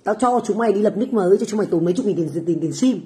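A woman's voice: mid-range voice, lively intonation, racing, mellow. A middle-aged woman, a livestream host who chats casually with viewers in a brash, foul-mouthed, taunting way. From Vietnam. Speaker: livestream host, food stall owner. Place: home kitchen, abroad.

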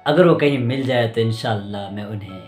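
A young man earnestly recounting a personal memory, reflective, pausing and restarting as he talks. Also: lowish voice, a little mellow. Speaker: storyteller vlogger. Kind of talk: personal storytelling vlog. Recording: sad background music underneath.

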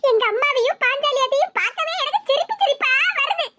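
A woman's voice: extremely high pitch, expressive, fast, heavy background noise, voice pushed up. A woman voicing a bold, outspoken young daughter in a cartoon, teasing in a Kanyakumari Tamil accent.

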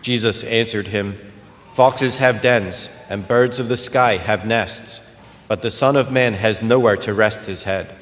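A man's voice: on the low side, measured pace, a bit bright. A man serving as clergyman, reading the gospel and preaching a homily in a large church, his voice carrying a long cathedral-like echo. He speaks earnestly, searching for words and often restarting. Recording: long church reverb, faint room noise.

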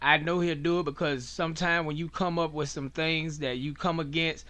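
Pastor preaching with repeated amens. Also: male voice, a little high, fairly even intonation, moderate pace, pushed and bright. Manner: preaching cadence, frequent amens, rhythmic lists. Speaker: pastor and radio host. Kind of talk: radio preaching.

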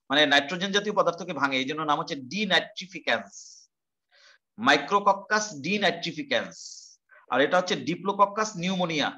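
A male teacher lectures an online class in a high, bright voice. He talks quickly, with a forceful edge. He explains step by step, repeats key terms and poses questions to his students. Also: muffled recording.

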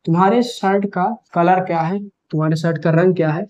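A male teacher giving a grammar lesson for exam students, explaining step by step and slowing down to spell out example sentences. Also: high voice, fairly even intonation, a little mellow, dull audio, slight background noise.

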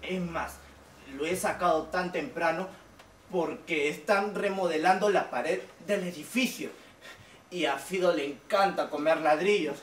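A man's voice: fairly high pitch, measured pace, natural voice. An echoey, distant stage recording with faint noise carries a man acting a fussy, earnest pet owner in a comic play. He is exclamatory and solemn, doting on his odd animal. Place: small theatre stage indoors. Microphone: distant camera.

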